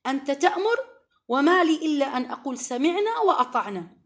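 Female preacher, high voice, earnest and pleading, builds to emphatic peaks. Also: sing-song, fast talker. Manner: earnest and pleading, coaxing asides and rising emphasis. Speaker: preacher addressing women. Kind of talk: religious lesson to women.

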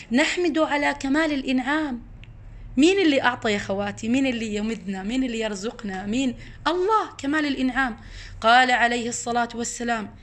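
A woman delivers a religious lesson to a group of women. Her voice sits a little high, and she stresses key words slowly and keeps firing rhetorical questions. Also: fairly bright tone. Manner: emphatic, with rhetorical questions and slow stressed definitions. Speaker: religious teacher.

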